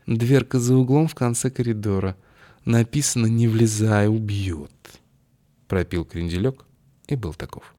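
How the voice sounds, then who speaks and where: A man with a fairly low voice reads a story aloud. His scripted narration is lively and ironic, lingering on odd details. The pace stays steady and easy to follow. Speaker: audiobook narrator.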